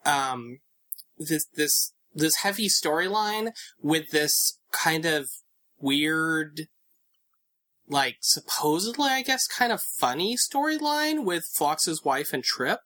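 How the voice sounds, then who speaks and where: A man's voice: a little high, big pitch swings, slow, sharp tone. A man co-hosting a casual podcast chat, thinking aloud with many fillers and restarts. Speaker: podcast co-host.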